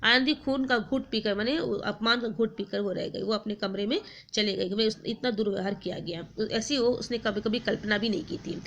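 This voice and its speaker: A woman's voice: medium pitch, brisk, a bit bright, dull audio, slight background noise. A woman teacher retelling a story for a class, stopping often to explain words, with many fillers and self-corrections.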